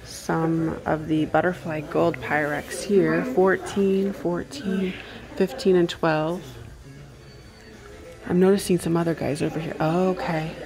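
A woman with a fairly low, fairly even voice speaks slowly as she browses estate sales in a house and garage, crowd noise around her. She's an antiques reseller and vlogger giving casual, half-murmured commentary into a handheld phone or camera.

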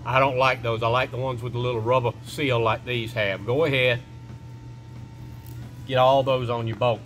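A man's voice: mid-range voice, fairly even intonation, moderate pace, a bit bright, slight background noise. Folksy middle-aged man explaining shop work. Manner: plain step-by-step talk with folksy phrasing. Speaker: shop owner showing a repair. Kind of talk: casual how-to instruction. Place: indoor workshop. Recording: music playing underneath. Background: background music.

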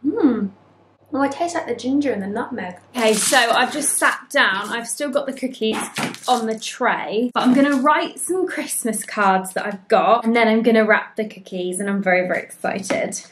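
A chatty woman in her twenties vlogs to a close handheld camera, her slightly high voice bouncing with upbeat exclamations. Her home kitchen gives the sound a roomy echo, with a faint hiss behind her. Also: moderate pace. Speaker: vlogger. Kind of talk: casual chat to camera.

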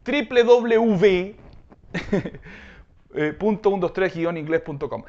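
A man teaching English in Spanish, drawing out words slowly and teasing his students playfully. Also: a little high, darkish tone, muffled recording. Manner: drawn-out, slow drilling of English words. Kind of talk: Spanish-language English lesson.

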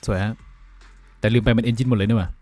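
A man streaming a game live, talking with his viewers in a profane, excitable way that swings between loud outbursts and quiet muttering. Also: on the low side, brisk. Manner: switches between shouting and muttering. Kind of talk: casual live-stream commentary.

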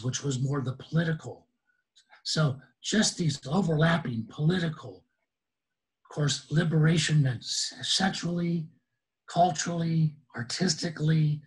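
A man's voice: fairly high pitch, low-quality recording. A man in his sixties, an enthusiastic guest speaker who laughs often, talking on a video call. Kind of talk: casual webinar talk.

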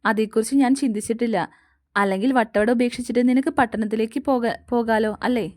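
A probing, wistful older sister figure, read by a woman in an audio story. Her voice sits fairly high and is recorded dry and close. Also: fairly even intonation, fast talker, a little mellow, no echo, natural voice.

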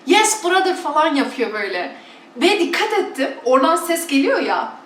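A woman's voice: sits high, sing-song, moderate pace, a bit bright, echoey room, distant mic, a little hiss or hum. A woman from Turkey chatting casually and bluntly to her followers, mocking preachers with exaggerated imitations. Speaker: vlogger.

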